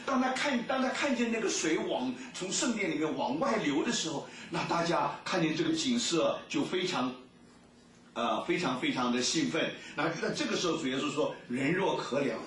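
Animated male preacher in an echoey hall. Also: a little high, a little hiss or hum. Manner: lively storytelling, many drawn-out fillers. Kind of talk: sermon with Bible reading. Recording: echoey room, mic at a distance.

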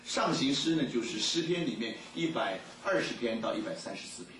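A man preaching a sermon and reading scripture aloud, telling the story in a lively way and stretching out his filler words. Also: medium pitch, brisk, slight background noise. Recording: echoey room, mic at a distance.

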